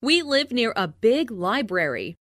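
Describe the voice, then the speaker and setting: A woman reading simple English phrases slowly and carefully for learners, saying each one twice. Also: fairly high pitch, sing-song, a bit bright, dry recording, clean studio sound. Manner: careful, clearly enunciated, each sentence said twice.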